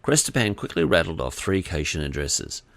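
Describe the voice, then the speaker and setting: A man narrating an audiobook with expressive storytelling. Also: low-pitched, moderate pace, no echo.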